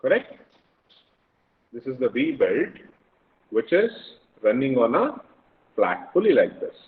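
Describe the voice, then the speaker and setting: A man's voice: mid-range voice, huge pitch swings, unhurried. A man with a South Indian Kannada accent giving a live online lecture step by step, informally, often putting questions to his students. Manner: informal, frequent questions to students, repeats phrases. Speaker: engineering lecturer. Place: online class over a video call, screen shared. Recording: dull lo-fi online call audio.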